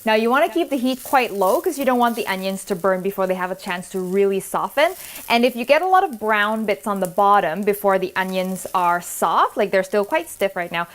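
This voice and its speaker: A woman with an expressive, medium-pitched voice talks a little fast while hosting a cooking video at her kitchen stove. She's chatty and encouraging, thinking aloud as she cooks, with food sizzling in a pan behind her words.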